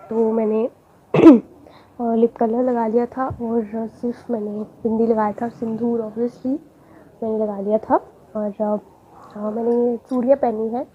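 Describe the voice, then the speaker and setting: A hoarse young woman with a sore throat, chatting casually in a home vlog and often clearing her throat. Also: a little high. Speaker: beauty vlogger. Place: drawing room at her mother's home. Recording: tinny phone-like sound, faint noise.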